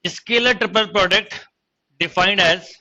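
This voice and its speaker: Guy teaching math, high really bright voice, keeps asking the class questions, kinda dull lo-fi sound. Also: unhurried. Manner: explains step by step, quizzing students. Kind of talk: online exam-prep lecture.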